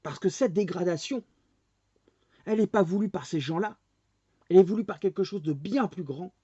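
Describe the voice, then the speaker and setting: Ranting angrily at the camera, this male vlogger in his forties keeps throwing rhetorical questions at his audience. His high voice moves at a moderate pace and sounds warm and husky. The lo-fi recording is dull and dry.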